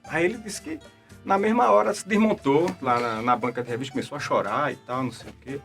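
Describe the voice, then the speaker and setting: A man's voice: mid-range voice, fast, gravelly, a bit bright. Man, middle-aged, rambling storyteller, faint music behind. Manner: rambling, full of fillers and repeated words. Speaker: debate show guest. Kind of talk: casual storytelling.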